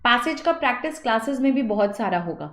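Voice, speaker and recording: A woman's voice: fairly high pitch, expressive, fairly bright tone, roomy sound. A woman teaching English grammar in an exam-prep class, mixing Hindi and English and quizzing her students before she answers. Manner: mixes Hindi and English, asks students questions and answers them; slow, deliberate English phrases. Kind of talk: online exam-prep lesson.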